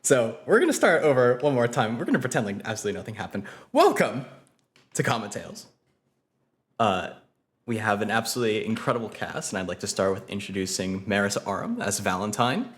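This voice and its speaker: Low-voiced guy running a tabletop game on stream, bouncy and animated, jokes about himself a lot. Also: brisk. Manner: excitable, lively and self-deprecating. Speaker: game master.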